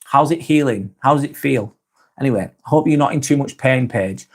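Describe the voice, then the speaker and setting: In a casual livestream chat, an English man reads comments from viewers as the vlog host, often correcting himself and laughing easily. His voice is mid-range and his pace normal.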